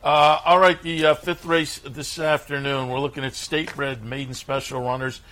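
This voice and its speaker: A man's voice: mid-range voice, little pitch movement, moderate pace, fairly bright tone. A man hosting a racing show, talking conversationally through race previews and his own picks. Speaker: racing show host and handicapper.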